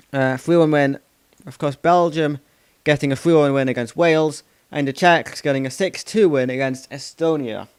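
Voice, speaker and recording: A man's voice: a little high, a little mellow, clean tone, no echo. A man hosting a football channel, giving a casual results recap with many "of course"s and frequent stops to correct himself. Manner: rambling, self-correcting, repeats "of course".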